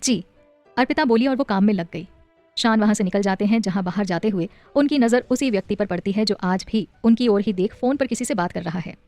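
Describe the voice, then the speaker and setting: A woman narrating a scripted audio story in a steady storytelling manner. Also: mid-range voice, quick pace, dry recording, soft background music.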